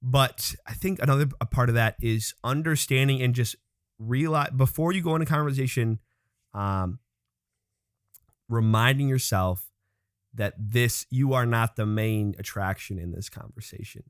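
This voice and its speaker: A man's voice: lowish voice, no echo, studio quality. A man as a podcast guest, earnestly giving advice in casual conversation and restarting his phrases as he thinks.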